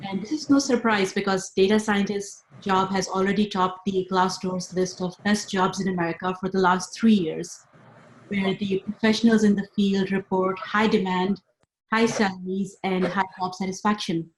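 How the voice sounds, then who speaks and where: A webinar speaker in her thirties, originally from Pakistan, talks over a computer mic in a noticeably echoey room with a little hiss or hum. She speaks clearly and in a measured way at a lecturing pace, saying "um" often. Her voice is mid-range with fairly even intonation.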